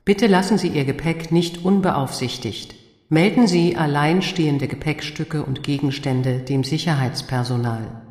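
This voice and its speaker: A calm, low, very slow airport announcer, spoken by a woman, formal and carefully enunciated. Her voice rings out with a long hall reverb, as if over terminal loudspeakers. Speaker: airport announcer in a listening exercise. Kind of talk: slow scripted public announcement.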